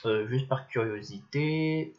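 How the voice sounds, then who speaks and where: A man's voice: mid-range voice, slow. Young guy, mid-range voice, chatty tutorial narration that rambles and mutters. Muffled lo-fi mic. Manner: rambling, thinks aloud, mutters at software. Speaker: tutorial maker. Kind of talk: casual screen-recorded tutorial. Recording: dull lo-fi mic.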